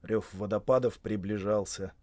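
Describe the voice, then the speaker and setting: A man narrating a fantasy audiobook in a measured, steady storytelling manner. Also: on the low side, no room sound.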